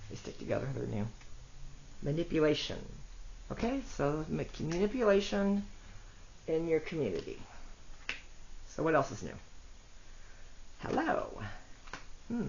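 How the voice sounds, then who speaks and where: Talking to both her cards and her audience, a tarot reader chats through a casual solo reading, self-deprecating throughout. Her voice is congested and rough, on the low side, and mellow, captured in dull lo-fi audio with faint noise.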